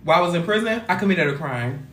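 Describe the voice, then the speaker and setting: A woman hosting a casual livestream chat, telling stories in an expressive, animated way. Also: on the low side, quick pace, reverberant, slight background noise. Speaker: livestream host.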